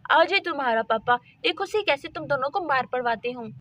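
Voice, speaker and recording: A woman's voice: high voice, expressive, a little fast, fairly bright tone, dry recording. A woman voicing a stern mother who scolds and threatens her two daughters in a doll story. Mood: scolding.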